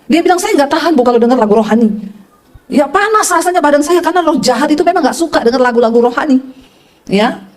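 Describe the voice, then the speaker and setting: A woman pastor preaching a sermon, telling stories in a lively way and calling out to the congregation. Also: a little high. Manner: lively storytelling, addresses listeners as brothers and sisters.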